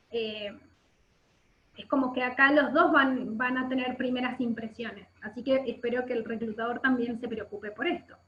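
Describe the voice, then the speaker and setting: Speaking with an Argentine Spanish accent, a woman leads an explanatory online workshop and keeps checking in with quick questions; her voice sits high. She's in an indoor room by a window, recorded through a webcam during a video call. The result is muffled audio with noticeable echo.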